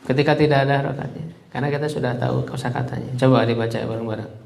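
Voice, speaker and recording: Gravelly man teaching Arabic. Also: mid-range voice, fairly even intonation, darkish tone, slight background noise. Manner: drills phrases slowly, leading group repetition. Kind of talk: classroom lesson. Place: classroom with students.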